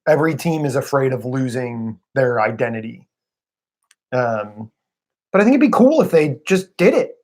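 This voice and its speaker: A man's voice: medium pitch, big pitch swings, moderate pace, a little mellow. A man co-hosting a live stream, chatting casually about baseball and often hedging his points. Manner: musing, hedging, says "I don't know" often.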